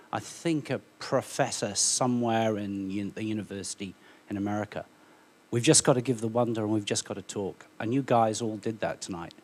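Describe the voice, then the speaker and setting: A man speaking earnestly at a public panel, telling an anecdote. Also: medium pitch. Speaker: panel guest.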